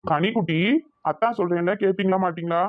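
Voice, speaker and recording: A calm, soothing cartoon groom, voiced by a woman with a lowish voice. He speaks patiently and affectionately. The sound is dry and a little dull, like a lo-fi recording. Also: fast talker, dry recording, natural voice.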